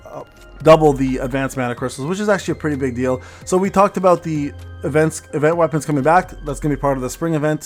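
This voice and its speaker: Male gaming creator, quick rambling delivery with stumbles and repeats, casual update commentary, faint music behind. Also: medium pitch. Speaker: gaming content creator hosting an update video. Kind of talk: casual news rundown commentary.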